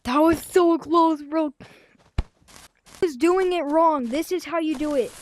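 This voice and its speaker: A woman's voice: high voice, takes it slowly, a little hiss or hum. A woman hosting a VR gameplay video, chatting casually and exclaiming often over a headset mic. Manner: excitable, exclaiming. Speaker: VR gameplay host.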